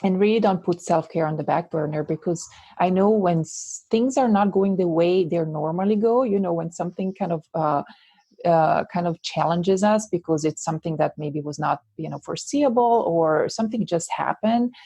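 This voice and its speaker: A woman's voice: on the low side, moderate pace, gravelly, dark tone, breathy edge, no room sound. A woman from Switzerland with a Swiss Italian accent, a guest coach in an interview, talking thoughtfully with many fillers and restarts. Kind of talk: interview conversation.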